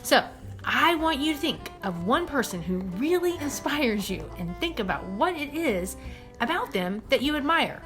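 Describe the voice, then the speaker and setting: Woman as peppy cartoon teacher talking to class, encouraging, highish lively voice. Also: normal speed, soft background music. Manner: clear instructing, addressing a class. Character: upbeat, encouraging female schoolteacher. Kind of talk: animated film dialogue.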